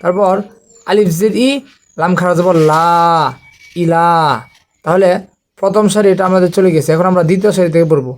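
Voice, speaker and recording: A man teaching a recitation lesson in a slow, patient way. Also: high voice, steady tone, darkish tone. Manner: slow, patient, repeats letter drills. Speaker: Quran reading teacher.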